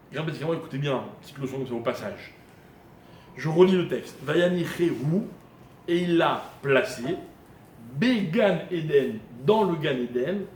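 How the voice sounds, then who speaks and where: Giving a live Torah lesson to a small audience, a male rabbi with a slightly high voice explains Hebrew grammar one step at a time and questions his listeners. The room recording carries a roomy echo and faint background noise.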